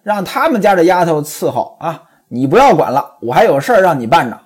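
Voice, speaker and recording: A scolding, teasing young concubine from a told classic tale, put on by a male storyteller. Her voice sits a little high and swings up and down in lively turns. She talks quick and sharp. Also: breathy edge. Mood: mocking. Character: sharp-tongued mocking young concubine, woman.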